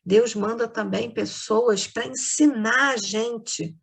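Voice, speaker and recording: Patient Brazilian teacher, slow and high. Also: female voice, fairly even intonation, gravelly, breathy edge. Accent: Brazilian Portuguese. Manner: patient, explaining step by step, frequent tag questions. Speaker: primary school teacher. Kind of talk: remote lesson for children.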